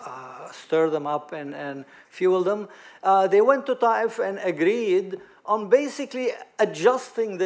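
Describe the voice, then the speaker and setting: Male panelist in his fifties, from Lebanon, higher voice, halting with fillers, table mic. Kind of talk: conference panel remarks. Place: conference room with panel table. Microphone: table microphone.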